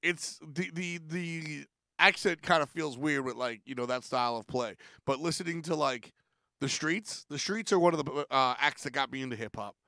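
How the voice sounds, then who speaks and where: A man hosting his weekly stream, chatting in a loose, rambling way and often poking fun at himself. His voice sits a bit high with a gravelly edge. The sound is close and dry. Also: moderate pace, sharp tone, no room sound. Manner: rambling, self-deprecating, playful. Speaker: streamer and weekly show host. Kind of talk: casual stream commentary.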